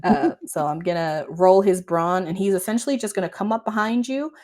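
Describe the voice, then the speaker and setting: A woman's voice: mid-range voice, a little fast, darkish tone. A woman narrating a tabletop role-playing game as game master in an informal, improvised way.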